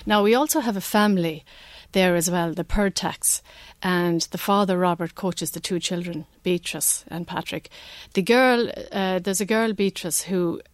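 A woman's voice: fairly low pitch, moderate pace, hardly any pauses, no room sound. A woman with an Irish accent speaking casually as a club representative in an interview.

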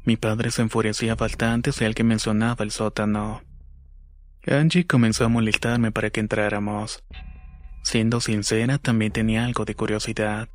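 A man giving a slow, measured scripted narration of a horror story. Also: fairly low pitch, little pitch movement.

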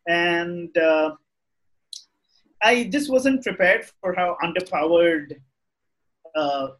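A man's voice: sits high, slow, a bit bright, poor audio. A man with an Indian English accent chatting casually and giving opinions as a podcast guest, often repeating and restarting his phrases.

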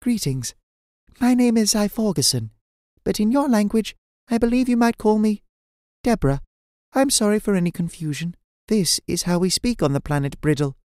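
A small, gentle alien from a children's storybook, voiced by a man. It speaks calmly and formally in a clearly higher, lifted voice, with lively pitch, and the sound is close and dry. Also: normal speed, no echo. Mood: welcoming. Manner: calm, formal, welcoming speech. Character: small gentle four-eyed alien, polite and friendly.

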